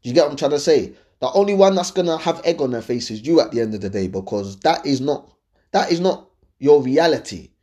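A man's voice: mid-range voice, expressive, a little fast, dark tone. A man with a London accent chatting casually and giving his opinions to viewers in a slangy, conversational way, often checking that they follow him. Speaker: host giving dating and lifestyle advice.

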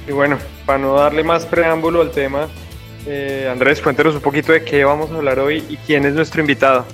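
Higher-voiced radio co-host. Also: male voice, flat delivery, brisk, fairly bright tone, faint music behind. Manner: friendly opening welcomes. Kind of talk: radio interview.

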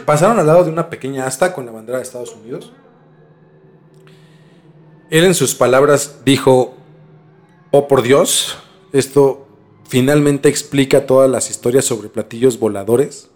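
Hosting a casual, slangy podcast, a man with a Mexican accent tells a story at a moderate pace with frequent pauses. His mid-range voice has a darkish tone, and a music bed plays behind him.

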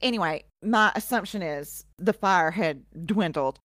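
A lowish-voiced woman with a drawl, co-hosting a podcast and telling a dark history story. She talks casually, swears freely and breaks into laughter. Her voice sits close and dry on the mic. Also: a little slow, no echo. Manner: casual, profane, laughs often. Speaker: podcast co-host.

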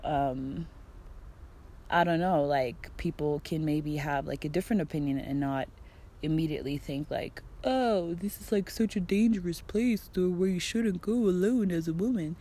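A young woman in her twenties, originally from Germany, speaking in a slightly low voice. She rambles through a casual vlog story, leaning on "like" and playing out both sides of conversations. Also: a little mellow. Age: 20s. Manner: chatty, fills speech with "like" and "I'm like", acts out quoted dialogue. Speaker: vlogger.

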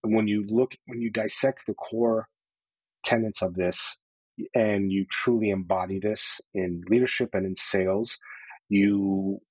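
A man's voice: fairly low pitch, steady tone, a little slow, darkish tone, dry recording, poor audio. A man telling his story openly and earnestly as a podcast guest, with many casual filler words. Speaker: podcast guest, sales leader. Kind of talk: candid personal storytelling.

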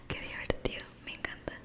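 Woman, whispered ASMR, close microphone, unhurried, affectionate, repetitive. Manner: soft, affectionate, repeats words slowly. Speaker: ASMR creator. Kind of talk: whispered ASMR talk to the viewer. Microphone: close sensitive microphone.

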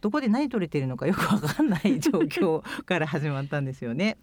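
A woman's voice: sits low, big pitch swings, fast talker, a little mellow, no room sound. A woman in her fifties from Japan, answering interview questions in a thoughtful, hesitant way with many fillers. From Chiba, Japan. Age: 50s. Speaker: guest, former overseas volunteer.

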